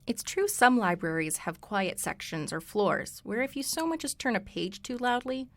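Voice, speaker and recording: A young woman co-hosting a student radio show, reading a scripted segment in a brisk, wry way. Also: medium pitch, no room sound. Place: radio studio.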